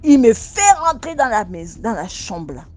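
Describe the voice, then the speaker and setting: A woman's voice: fairly high pitch, normal speed, soft background music. A woman dramatically telling her own supernatural experience as a testimony, acting out sounds and pleas. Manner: animated, acts out sounds and pleas, slips into sobbing. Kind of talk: dramatic first-person testimony.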